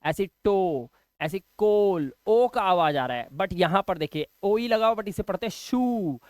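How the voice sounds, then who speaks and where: A man teaching English pronunciation in a classroom style. He asks questions, answers them himself and repeats each example word slowly. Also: sits high, animated, no echo, clean studio sound. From India.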